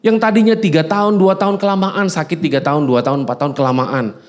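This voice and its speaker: A middle-aged male pastor preaching a lively sermon, swinging from quiet musing to loud urging and acting out chatty dialogues. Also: quick pace. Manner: animated, swings from low musing to loud exhortation; acts out dialogues with God in a chatty tone.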